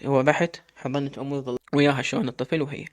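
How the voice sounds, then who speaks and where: Man, Iraqi Arabic accent, rapid dramatic first-person storytelling, average pitch. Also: steady tone. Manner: rapid, emotional retelling with quoted dialogue.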